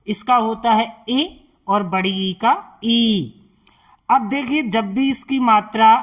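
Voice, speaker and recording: A woman teaching an online Hindi reading lesson, sounding out syllables one at a time, asking and answering her own questions, and repeating each word. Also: medium pitch.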